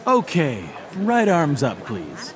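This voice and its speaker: A man playing a brash young hustler in a cartoon dub, working a crowd with theatrical, drawn-out sales calls. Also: fairly high pitch, huge pitch swings, heavily acted. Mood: showy, hyped. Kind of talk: animated dub dialogue, showman patter. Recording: loud music and crowd behind.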